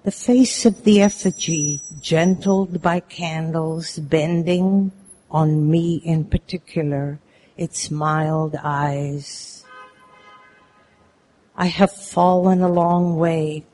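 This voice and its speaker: Very slow, mellow solemn poetry reader. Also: medium pitch, steady tone. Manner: measured, deliberate delivery.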